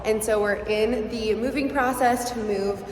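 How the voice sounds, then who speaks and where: A woman's voice: a little high, fairly even intonation, unhurried, darkish tone. Female vlogger, informal and peppy, voice bouncing with long echo in an empty room. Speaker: vlogger and boutique owner. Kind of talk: casual vlog chat. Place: empty mall store unit, indoors. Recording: echoey empty store with background noise.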